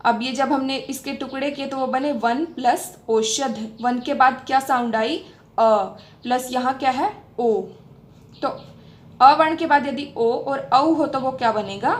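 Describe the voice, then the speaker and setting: A woman's voice: high-pitched, a little slow. A young woman teaching grammar, explaining step by step and patiently repeating sounds while asking questions back.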